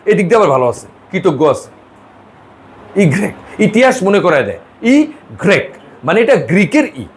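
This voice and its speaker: A middle-aged man with a high, lively voice teaches French sounds to a single student. He keeps repeating letters and correcting mistakes, and he drifts into chatty asides between the drills. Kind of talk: one-on-one language lesson.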